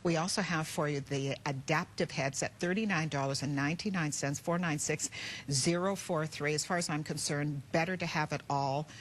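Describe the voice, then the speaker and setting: Female shopping host, slightly low voice, chatty and effusive live selling with repeated phrases, faint noise behind. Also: fairly even intonation, normal speed. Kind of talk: live shopping channel presenting, chatty sales talk.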